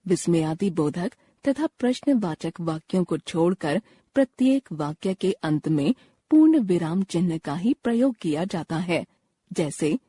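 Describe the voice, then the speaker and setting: A woman reading a grammar textbook lesson aloud, slow and explanatory. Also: lowish voice, mellow, breathy edge, no echo. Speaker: textbook narrator.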